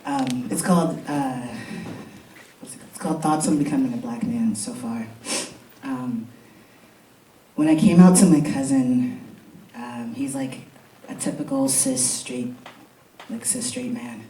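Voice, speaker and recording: A man's voice: medium pitch, a little slow, dark tone. A man performing spoken-word poetry with rhythmic, emphatic repetition, chatting loosely between poems. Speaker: poet. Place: college event room. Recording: echoey room, distant mic, faint hiss.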